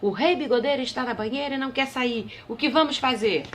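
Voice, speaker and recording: Picture a young page boy in a storybook, shrill and frantic, his voice pitched far up. He is an overworked servant who keeps panicking, and a woman puts him on. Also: fast, fairly bright tone, slight background noise. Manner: shrill, frantic cries for help.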